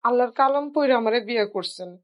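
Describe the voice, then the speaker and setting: A woman's voice: a little high, fast talker, lightly acted. A woman playing a pleading wronged young wife. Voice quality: pleading, tearful. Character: wronged young wife back from work abroad.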